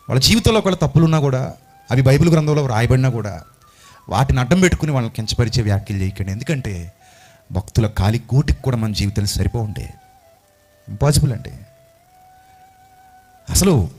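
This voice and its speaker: A man preaching an emotional sermon, passionately firing rhetorical questions at his congregation. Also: mid-range voice.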